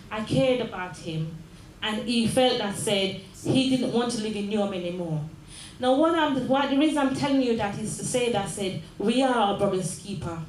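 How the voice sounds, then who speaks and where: In an echoey, faintly ambient room at the mayor's office, an older Jamaican-born mayor delivers an earnest community speech, repeating phrases and prompting the audience with "yes?". Her voice is a little high, with slight background noise.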